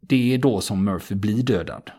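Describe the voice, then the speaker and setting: A man retelling a true story in a relaxed podcast conversation, steady and matter-of-fact, with frequent small fillers. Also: lowish voice, breathy edge.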